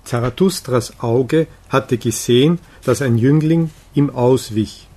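A man narrating an audiobook as scripted literary narration, in a measured, solemn reading. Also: mid-range voice, mellow.

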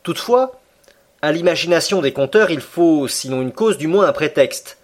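A man narrating a classic novel as an audiobook in a measured, even reading style. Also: fairly high pitch. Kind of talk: scripted literary narration.

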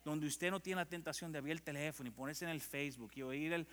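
A pastor preaches in a fairly high voice that rings out with long hall reverb. He moves between easy, conversational asides to his congregation and loud, animated readings of scripture. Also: quick pace. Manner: conversational, asks the congregation if they are with him. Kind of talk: sermon.

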